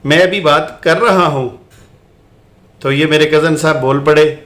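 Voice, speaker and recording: An insistent man speaks straight to his viewers as he picks apart a debate clip. His voice sits a bit high. The room around him is noticeably echoey. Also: a bit bright. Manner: insistent, addresses viewers directly. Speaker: host commenting on a debate clip. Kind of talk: argumentative video commentary.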